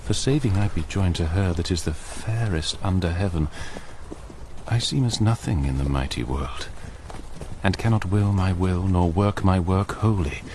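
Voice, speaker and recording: A man's voice: deep voice, noisy background. An actor playing a brooding, lovelorn king, speaking a solemn, yearning verse soliloquy.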